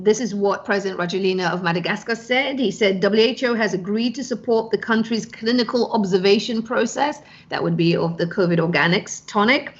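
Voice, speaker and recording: A woman hosting a live online news and chat show, talking in a relaxed, conversational way with small fillers. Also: mid-range voice, highs cut off. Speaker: show host.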